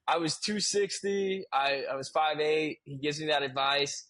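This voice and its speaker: A man's voice: a little high, unhurried, a bit bright, no echo. A man in his twenties, a podcast guest, telling a personal story in casual chat, candid and swearing freely as he restarts his sentences.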